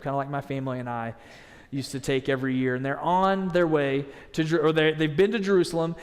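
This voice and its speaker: A man giving a sermon as a guest preacher, conversational and joking. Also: fairly high pitch. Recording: long reverb in a church sanctuary.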